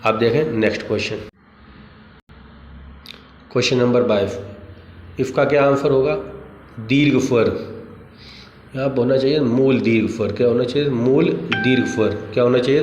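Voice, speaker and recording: A man's voice: mid-range voice, darkish tone. A male teacher giving an exam-prep grammar lesson, asking questions and answering them himself. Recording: echoey room, dull lo-fi sound, faint background noise.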